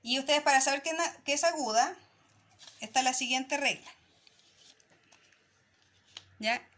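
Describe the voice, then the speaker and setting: A woman's voice: high-pitched, unhurried, fairly bright tone. A woman teacher, explaining a grammar lesson to young pupils in a patient way and often checking that they are following. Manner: patient, checks in with "¿ya?" after each point. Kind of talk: recorded classroom lesson.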